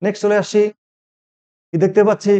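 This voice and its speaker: A man's voice: high voice, completely flat delivery, a little fast, warm tone, highs cut off. A male spoken English teacher who speaks Bengali as his first language, giving a pronunciation lesson and repeating each word while quizzing the listener. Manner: repeats words and quizzes the viewer.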